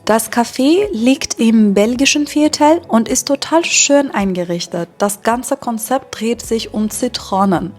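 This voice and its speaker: A woman from Iran talks through her day as a German teacher making a vlog for learners. She speaks very slowly and deliberately, with a fairly high voice. Soft music plays faintly beneath her. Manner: slow and deliberate, with filler sounds. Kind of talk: slow, clear vlog narration for learners.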